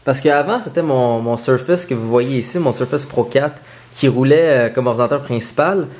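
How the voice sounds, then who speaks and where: A man's voice: medium pitch, normal speed, a little mellow. A man from Quebec with a Québécois accent, rambling and joking playfully in a casual vlog. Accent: Québécois French. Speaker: vlogger.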